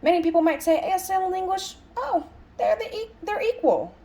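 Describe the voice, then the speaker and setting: This sign language interpreter's voice is very high-pitched with big pitch swings, fairly quick, and dark in tone. She interprets a signed lecture aloud conversationally and reflectively, musing with emphatic phrasing and rhetorical questions.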